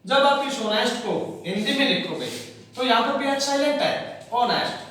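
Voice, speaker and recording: A man's voice: very high-pitched, lively intonation, moderate pace, bright, forceful tone. A male teacher giving a grammar lesson, spelling words out letter by letter as he explains. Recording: very echoey room, distant mic.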